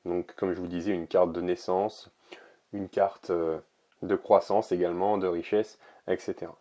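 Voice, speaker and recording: A man casually showing an oracle card deck, talking in a relaxed, hesitant way with many pauses and fillers. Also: deep voice. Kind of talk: casual product presentation to camera.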